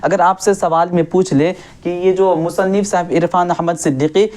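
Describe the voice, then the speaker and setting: A woman's voice: lowish voice, fairly even intonation, normal speed, darkish tone. A woman teaching an online class, repeating key points and asking and answering her own questions while keeping up set phrases to her viewers. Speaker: Urdu teacher.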